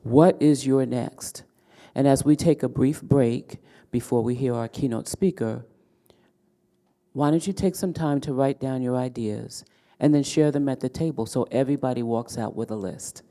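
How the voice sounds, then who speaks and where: A man's voice: medium pitch, moderate pace, vocal fry, mellow, long reverb tail. A man moderating a conference session, encouraging the audience to speak up and take action. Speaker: event moderator. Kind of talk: addressing a conference room.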